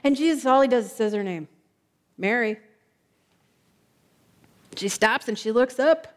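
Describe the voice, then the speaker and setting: A woman preaches with a high, bright-pitched voice. She tells the story conversationally, drops asides to the congregation and acts out the lines of the people in it. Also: animated, fairly quick. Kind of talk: sermon.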